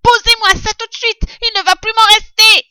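A woman voicing a shrill, bossy, possessive male rat who shrieks his orders. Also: fairly even intonation, moderate pace, bright, forceful tone, no room sound, full character voice. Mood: furious. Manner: shrieking, snapping. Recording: dull, dry recording.

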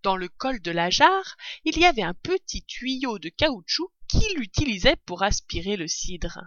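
A woman reading a children's story aloud with expressive narration. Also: medium pitch, measured pace, no echo. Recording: dull, dry recording.

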